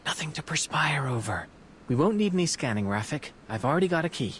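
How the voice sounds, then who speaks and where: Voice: medium pitch, big pitch swings, fast, a little hiss or hum, natural voice. An actor playing a sly, playful, confident scholar in a video game, with a wry, flowery, theatrical manner. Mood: sly, smug. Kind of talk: video game character dialogue.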